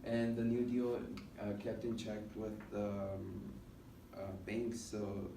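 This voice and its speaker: In a college speech class, a young American man presents informally, his delivery stumbling along with lots of ums and other filled pauses. He speaks with a slightly low, fairly monotone pitch, captured from across a spacious, noisy classroom.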